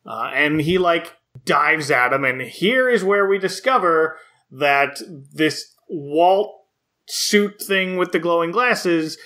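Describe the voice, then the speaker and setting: A man's voice: a little high, lively intonation, takes it slowly, pushed and bright. A man co-hosting a podcast, casually recapping a film in a wry, joking way. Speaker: podcast co-host.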